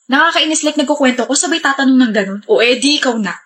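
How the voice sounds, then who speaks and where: A woman voicing a chatty young woman in a comedy skit, talking in a gossipy, animated way. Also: high voice, quick pace. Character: chatty young woman rating her crushes.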